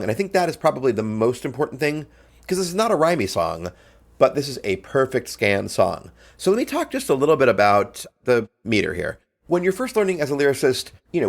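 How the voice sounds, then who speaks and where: A young man hosts a podcast and breaks down how a song is written in a casual, enthusiastic way. He laughs often and fills his talk with "like." His voice sits at an ordinary middle pitch. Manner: chatty, enthusiastic, laughs often, says "like" a lot. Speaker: podcast host and songwriter. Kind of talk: casual explanatory lesson on songwriting.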